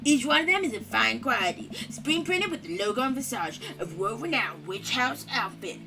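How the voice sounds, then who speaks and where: A woman voicing a young hustler who is pitching band merch in a salesy patter. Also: expressive, moderate pace, vocal fry, recorded from a distance, over music.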